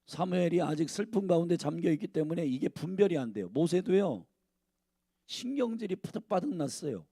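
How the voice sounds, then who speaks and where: Gravelly-voiced pastor preaching. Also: male voice, on the high side, expressive, a little fast, dark tone, dry recording, studio quality. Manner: emphatic, addresses the congregation directly. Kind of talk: sermon.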